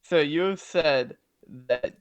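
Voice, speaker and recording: A man's voice: a little high, slow pace. A man speaking in a casual mock debate over an online voice call whose audio breaks up and cuts out. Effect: voice call audio breaking up and cutting out. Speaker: debate candidate. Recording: dull, cutting-out call audio.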